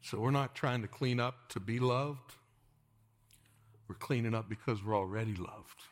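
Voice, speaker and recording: A man preaching a sermon to a congregation in a church, dropping to hushed whispers and rising to urgent calls, and leading the room in call-and-response. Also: medium pitch, moderate pace. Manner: swings from hushed whispers to raised exhortation, calls the congregation to repeat. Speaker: pastor.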